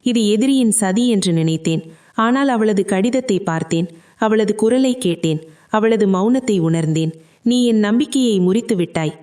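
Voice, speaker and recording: A woman's voice: medium pitch, animated, normal speed, warm tone, lightly acted. A woman reading a stern, betrayed husband who speaks in a harsh, accusing way. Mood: cold.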